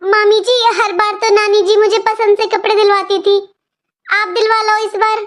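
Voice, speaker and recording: A woman's voice: level tone, normal speed. A woman voicing an outspoken young girl in a cartoon, talking in a pleading, earnest way. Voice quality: high childlike voice. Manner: pleading and talkative. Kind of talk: cartoon voice acting.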